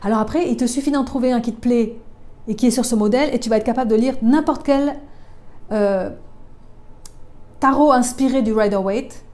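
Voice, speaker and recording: Woman, mellow tone, chatty informal teaching, tarot reader. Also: on the high side. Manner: chatty, speaks to the viewer informally. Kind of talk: casual explanatory video.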